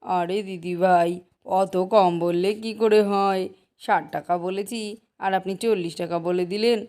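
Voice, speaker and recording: A woman's voice: mid-range voice, steady tone, moderate pace, a little mellow, smooth, lightly acted. A woman voicing a poor village mango seller who pleads and bargains to sell her fruit. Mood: persuasive. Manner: pleading, persuasive sales talk. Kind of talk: Bengali cartoon voice acting.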